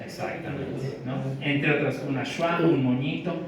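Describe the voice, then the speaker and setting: A man's voice: a little high, fairly even intonation, a little slow, over a noisy crowd. A man with a Mexican Spanish accent giving an academic lecture in a conversational way, often checking in with his audience. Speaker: linguistics lecturer. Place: large lecture hall. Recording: echoey hall from far off, faint noise.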